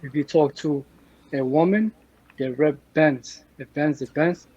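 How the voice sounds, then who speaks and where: A man in his thirties from Afghanistan, a podcast guest, speaks in a direct, measured way and repeats phrases for emphasis. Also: a little high, warm tone, muffled recording, a little hiss or hum. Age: 30s. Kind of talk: casual chat.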